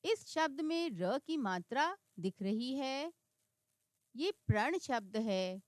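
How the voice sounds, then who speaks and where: A woman teaches young children to read, saying each word slowly and distinctly. Her voice sits high and moves a lot in pitch. The recording is dry and close. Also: expressive, dry recording. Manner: slow and clear, sounding out words one by one. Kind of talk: reading lesson for children.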